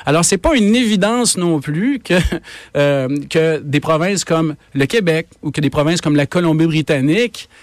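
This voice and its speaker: A Québécois man with a voice a bit higher than most, speaking as an economics guest on the radio. He argues with emphasis and doubles up his words as he goes. The sound is dry and close. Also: lively intonation, normal speed, no echo. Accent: Québécois French. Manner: emphatic, argumentative, frequent repetitions. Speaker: economics columnist and professor, guest. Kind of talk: radio interview.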